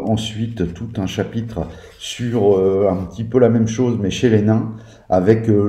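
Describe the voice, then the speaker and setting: A low-voiced man talks through a game book in a casual review. His tone is very dark and mellow, and he hesitates often and restarts his phrases. The sound is echoey, as if in a bare room. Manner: hesitant, many fillers and restarts.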